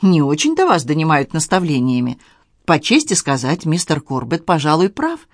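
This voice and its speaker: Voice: mid-range voice, wildly swooping pitch, normal speed, no echo, clean studio sound. A reader voicing Dixon, an old, moralising male servant who lectures in a homely, plain way in a storybook reading. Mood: lecturing.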